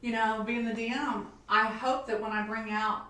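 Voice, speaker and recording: Telling stories over tea and laughing a lot, this game master and show host speaks a little high, with little pitch movement, at a moderate pace. Her tone is pushed and bright. She is recorded from a distance in a very reverberant room.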